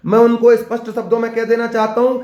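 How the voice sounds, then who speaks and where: A young man speaking at a rapid clip, his voice pitched high as he drives his points home. He talks like a student leader giving a fiery political address, hammering the same phrases again and again. The sound rings off the walls of an echoey room. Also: monotone, darkish tone, muffled recording. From Uttarakhand, India. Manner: fiery, repetitive rallying rhetoric. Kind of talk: impassioned political address to camera.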